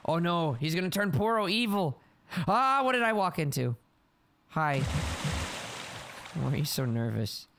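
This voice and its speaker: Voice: medium pitch, big pitch swings, unhurried, long pauses, a bit bright, slight background noise. A let's play gamer commenting on a video game, reading the on-screen text aloud and breaking into panicked shrieks and laughter. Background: game music.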